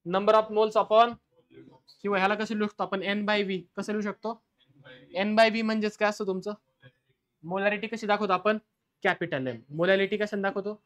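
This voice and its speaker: A man's voice: high-pitched, steady tone, fairly bright tone. Marathi teacher quizzing his class. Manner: keeps asking the class questions and answering them himself; dictates definitions slowly in English. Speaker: chemistry teacher. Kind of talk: classroom lecture.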